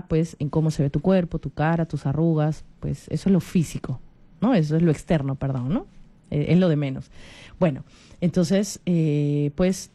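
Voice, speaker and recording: A deep-voiced woman from Peru, in her forties, chats on the radio with a Peruvian Spanish accent, her tone soft and mellow. She keeps restarting her sentences and sprinkling in small tag questions as she talks casually.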